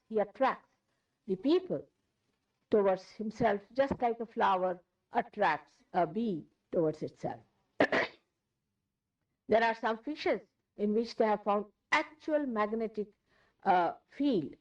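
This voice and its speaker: A woman's voice: mid-range voice, darkish tone. An Indian woman giving a spiritual lecture, emphatic and repeating phrases for stress. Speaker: spiritual teacher. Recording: distant, dull lo-fi 1981 lecture tape.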